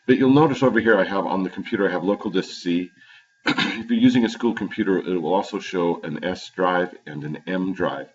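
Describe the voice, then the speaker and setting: A male teacher at home giving a halting screen-recorded computer tutorial with frequent fillers and restarts, recorded on his computer's low-quality built-in microphone. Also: a little mellow. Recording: dull lo-fi built-in computer mic.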